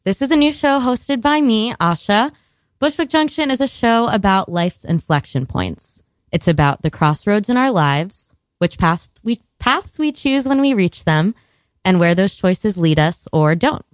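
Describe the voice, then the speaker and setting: A woman's voice: medium pitch, expressive, a little slow, no room sound. A woman hosting a conversational radio show in an informal, chatty way.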